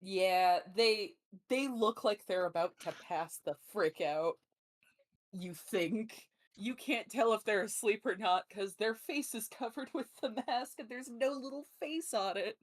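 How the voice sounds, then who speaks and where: A woman's voice: medium pitch, unhurried. A woman playing in a tabletop game, describing a character in an amused, casual way. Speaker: player. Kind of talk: casual chat.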